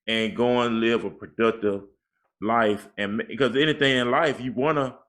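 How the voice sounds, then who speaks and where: A man's voice: medium pitch, moderate pace, a bit bright. A man in a casual podcast conversation, talking preachily and giving life advice, repeating "man" often.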